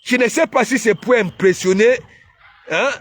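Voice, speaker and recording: A man from Cameroon with a Cameroonian accent, hosting a casual live stream where he mocks and teases, often breaking into shouts. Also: extremely high pitch, normal speed. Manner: mocking, teasing, bursts of shouting.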